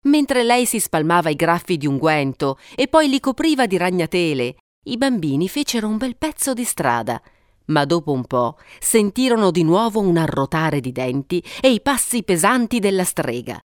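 A woman narrating a fairy tale in an expressive, dramatic way, lingering on moments of suspense. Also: lowish voice, moderate pace, no echo, clean studio sound. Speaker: storyteller.

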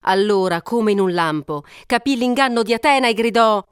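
A woman narrating an ancient epic in a measured, steady storytelling manner. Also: on the high side, clear, resonant tone, no echo, studio quality.

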